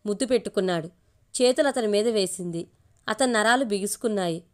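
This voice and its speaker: A woman storyteller narrating a romantic audio story in a steady reading voice. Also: mid-range voice, a little fast.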